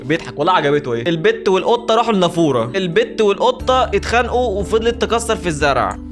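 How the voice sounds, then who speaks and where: Man, Egyptian Arabic accent, let's play commentary, very fast talker, slightly high voice, excitable, jokey. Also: music in the background. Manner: excitable, jokey, talks to the game characters. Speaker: gaming video host.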